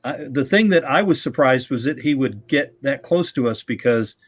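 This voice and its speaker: A man's voice: medium pitch, expressive, normal speed, breathy edge. A middle-aged man hosting a live radio-club stream, telling rambling, chuckling anecdotes in casual chat.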